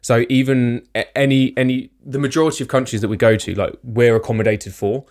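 With a steady tone and a slightly mellow, mid-range voice, this young UK podcast co-host rambles through a casual chat. He pokes fun at himself and breaks into quick laughs.

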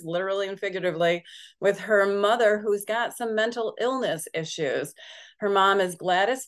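A woman co-hosts a casual movie review podcast, chatting warmly with her partner. She teases and laughs easily while working through her notes. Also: medium pitch. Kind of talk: casual chat.

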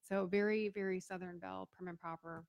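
A woman's voice: on the low side, steady tone, a little fast, a little mellow, dry recording. A middle-aged woman from Florida, a guest chatting casually and acting out the voices of people in her stories. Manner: chatty, acts out quoted voices. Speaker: guest, business owner and veteran. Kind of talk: casual storytelling interview.

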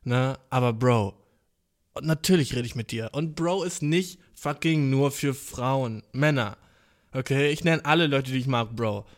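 A young man hosts a casual solo podcast, recording on a phone held in his hand. He's hyperactive and playful, full of slang and swearing, and keeps calling the listener bro. His voice is medium-pitched and a little slow.

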